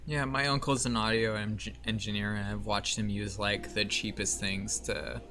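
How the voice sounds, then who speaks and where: A man chatting casually on a web show with quick, chipper interjections. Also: on the low side, flat delivery, bright, forceful tone, slight background noise. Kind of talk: casual chat.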